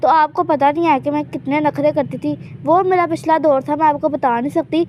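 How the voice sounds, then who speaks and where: A woman hosting a gameplay channel narrates a life-sim game in character, talking fairly quickly in a high voice with fairly even intonation. She's chatty and teasing and often hints at secrets she won't tell. The audio is dull, with a little hiss or hum.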